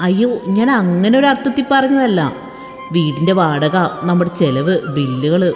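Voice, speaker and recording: A woman's voice: lowish voice, moderate pace, close to an everyday voice. A woman voicing an earnest, eager young wife who pleads and fusses, in a storybook voice reading. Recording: echoey room with soft background music.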